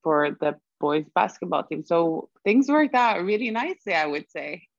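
A young woman raised in Sweden as an interview guest, reflective and quick to laugh. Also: medium pitch, big pitch swings, no room sound, muffled recording. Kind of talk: conversational interview.

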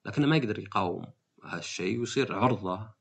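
A man's voice: lowish voice, animated, fast talker, creaky, fairly bright tone, husky. A man hosting a podcast, talking through his thoughts in a casual monologue, full of fillers and restarts. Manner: thinking aloud, frequent fillers and restarts, slips into quoted voices. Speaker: podcast host.

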